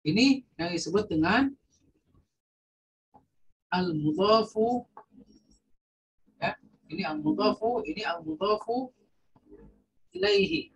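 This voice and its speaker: An Indonesian man teaching Arabic grammar, repeating each term and filling pauses with "ya" and "nah". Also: sits high, animated, rough recording. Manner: repeats terms, fills with "ya" and "nah". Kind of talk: recorded grammar lesson.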